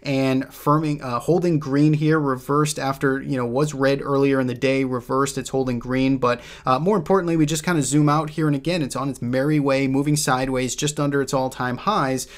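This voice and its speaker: Host, male, Boston accent, relaxed chart walkthrough, mid-pitched, restarts often. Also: a little fast, few pauses. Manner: casual, loose, thinks aloud with frequent restarts. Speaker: host presenting stock trade ideas.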